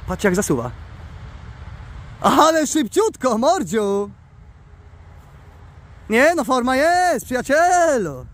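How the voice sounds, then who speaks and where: A man vlogging outdoors by the water, excitedly coaxing his pet bird and calling its name. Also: very high voice, slow pace, long pauses. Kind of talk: casual outdoor vlog.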